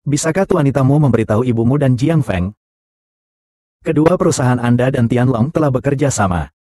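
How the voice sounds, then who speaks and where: A man delivering every part of a dubbed drama in one flat, even voice that barely shifts from role to role. The tone is mellow and warm, and the close studio take is dry, with no room around it. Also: medium pitch, fairly quick, dry recording, lightly acted. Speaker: dub voice for all roles. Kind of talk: dubbed short drama dialogue.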